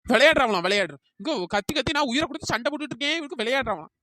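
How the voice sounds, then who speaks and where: Quick-tongued, high-pitched, fiery cartoon village woman, woman voice actor. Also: lively intonation, dry recording, clean studio sound. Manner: loud, abusive, argumentative. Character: hot-tempered quarrelsome village woman. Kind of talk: cartoon voice acting.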